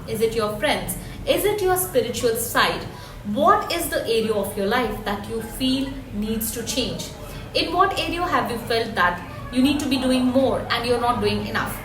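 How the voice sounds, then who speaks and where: A woman's voice: high voice, background noise. A woman speaking in an earnest, encouraging way, addressing the listener directly in a motivational voice-over. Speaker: self-improvement channel host. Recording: roomy voice-over with background music.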